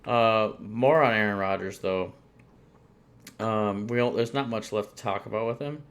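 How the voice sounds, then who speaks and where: A man's voice: lowish voice, unhurried, fairly bright tone. A man co-hosting a sports podcast in casual chat, rambling with lots of fillers and restarts. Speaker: podcast co-host.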